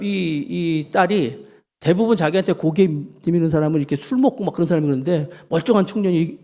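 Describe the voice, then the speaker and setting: A male pastor delivers a sermon in a fairly high register. He tells a story in an animated way and slips into the voices of the people in it. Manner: storytelling preacher, acts out quoted voices with lively pitch swings. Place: church sanctuary.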